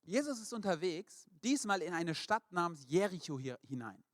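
Male preacher, slightly high voice, dry close sound; animated storyteller who acts out voices. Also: moderate pace, dry recording. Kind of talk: sermon.

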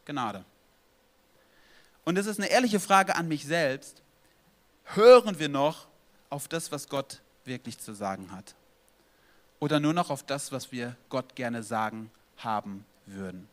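A pastor preaching a sermon, lively and direct, acting out prayers and dialogue as he speaks to his congregation. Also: medium pitch, unhurried.

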